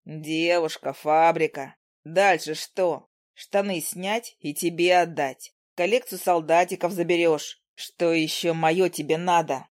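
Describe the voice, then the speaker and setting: A woman's voice: low-pitched, fairly even intonation, unhurried, dry recording, clean studio sound, voice pushed down. Woman doing a sarcastic, jealous young man. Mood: jeering. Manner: sarcastic, jeering.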